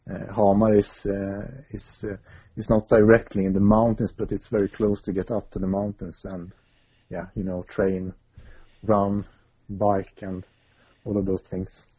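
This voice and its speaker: A Swedish adventure racer, guesting in a remote interview, speaks in a fairly low, mellow, breathy voice with flat delivery and a measured pace. He talks hesitantly, filling gaps with many filler sounds. The video or internet call audio is muffled and lo-fi.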